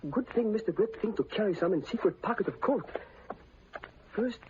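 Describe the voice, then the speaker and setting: High-voiced, clipped broken-English valet sidekick, Kato. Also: male voice, animated, moderate pace, noisy background. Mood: alert, resolute. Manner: clipped broken English without articles, as a foreign-born speaker. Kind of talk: 1930s-40s radio acting. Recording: dull vintage radio broadcast, music behind.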